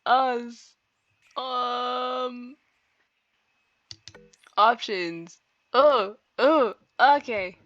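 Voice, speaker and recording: With game music in the background and a dull lo-fi mic with no room sound, a woman hosts a let's play. Her a little high, a bit bright voice draws out words and leaves long pauses. She's giggly and chatty, tossing in informal asides as she comments on the game and reads bits of it aloud.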